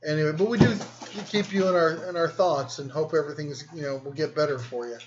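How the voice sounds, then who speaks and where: A man's voice: on the high side, quick pace, dull audio, noisy background. A man hosting a casual live stream, reading and answering viewer comments in a rambling, easygoing way. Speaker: host.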